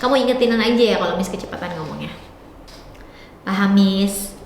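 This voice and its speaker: A woman teaching English grammar on a live stream. She talks fast, switches between Indonesian and English, and calls her viewers by pet names. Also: mid-range voice, darkish tone, very echoey, big-room sound, a little hiss or hum. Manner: calls viewers "sayang" affectionately.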